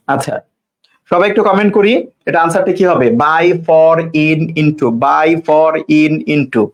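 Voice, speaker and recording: A man teaching an English grammar class live online, repeating points and quizzing viewers with questions. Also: a little high. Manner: casual, teasing asides to commenters.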